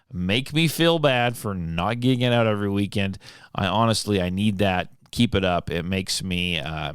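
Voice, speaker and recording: A middle-aged man hosting a casual solo podcast, rambling with many restarts and repeated words, and a little hoarse because his voice is going. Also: low-pitched, dry recording, clean studio sound. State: losing his voice. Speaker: podcast host.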